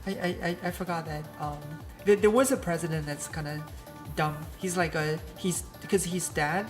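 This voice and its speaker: A woman streamer chatting casually in a slightly low voice. She talks loosely, restarts often and slips in dry jokes. Soft music plays quietly behind her. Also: normal speed. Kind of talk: casual chat.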